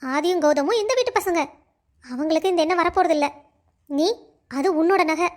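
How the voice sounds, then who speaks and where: A woman's voice: very high-pitched, moderate pace. A woman voicing a sly young friend in a cartoon who questions and hints at suspects. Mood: reasoning. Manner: questioning, insinuating. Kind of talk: cartoon voice acting.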